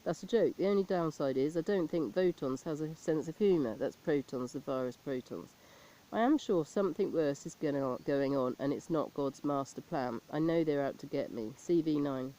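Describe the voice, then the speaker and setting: A woman performing a deadpan comic monologue as a stand-up comedian, reeling off lists of jokes in a dry, flat delivery. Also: sits low, normal speed, low-quality recording. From abroad, not England. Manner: deadpan list-making delivery.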